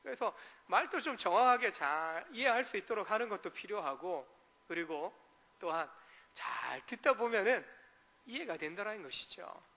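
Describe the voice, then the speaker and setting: A man's voice: high-pitched, lively intonation, normal speed, gravelly, pushed and bright, long reverb tail. A male pastor delivering a sermon, asking the congregation rhetorical questions and briefly acting out dialect quotes. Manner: acts out short dialect quotes. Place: church sanctuary.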